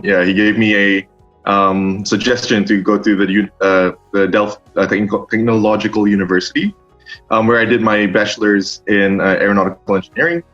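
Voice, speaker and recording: Young male student from Singapore, low-pitched, hesitant, faint music under a dull recording. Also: fairly bright tone. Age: young adult. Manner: hesitant, many ums and restarts. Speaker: master's student. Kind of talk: interview answers.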